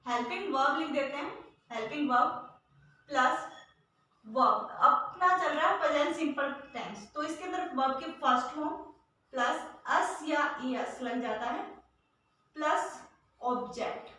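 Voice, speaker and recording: High bright woman teaching in echoey room. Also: measured pace. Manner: explains step by step, repeats key terms, often checks with "ठीक है". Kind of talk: classroom grammar lesson. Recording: echoey room, mic far off, faint noise.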